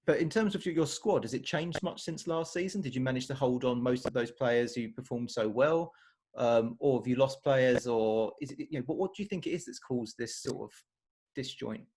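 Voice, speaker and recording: Male podcast host, mid pitch, friendly and rambling, quick to laugh. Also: a little mellow, breathy edge. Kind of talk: casual podcast chat.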